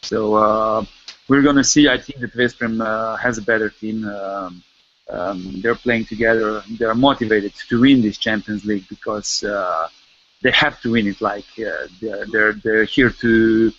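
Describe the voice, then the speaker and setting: A man's voice: fairly low pitch, unhurried, fairly bright tone, a little hiss or hum. A man speaking hesitantly, repeating words, as a panelist in a casual discussion. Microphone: video call. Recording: muffled online call audio.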